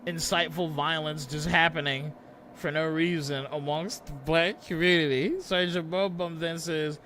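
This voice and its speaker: A man's voice: fairly high pitch, steady tone, measured pace, pushed and bright, slight background noise. A man streaming a game, narrating it like a dramatic audiobook, stumbling over words and breaking into laughter.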